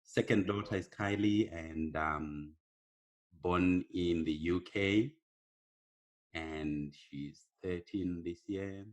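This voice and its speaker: A middle-aged man with a Zimbabwean accent, a podcast guest speaking slowly and hesitantly with many pauses. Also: low-pitched, highs cut off. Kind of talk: casual podcast interview.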